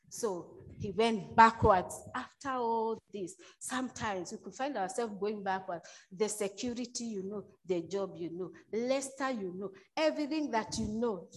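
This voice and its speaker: A woman preaching a sermon in a loose, conversational way, often restarting and saying "you know", and she pushes certain points out louder. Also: a little high, rough recording.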